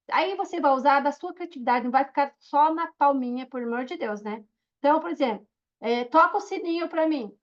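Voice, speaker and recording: A woman with a high voice teaches an online course. She explains things step by step and keeps checking in with her students. The audio sounds dull and lo-fi. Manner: explanatory, checks in with listeners often. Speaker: course instructor. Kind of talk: recorded online lesson.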